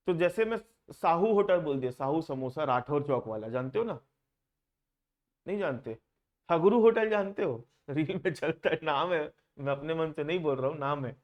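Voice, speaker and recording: Hindi-speaking man teaching a class. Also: on the high side. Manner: asks the class questions, mixes in English terms. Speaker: accounting teacher. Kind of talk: classroom lecture.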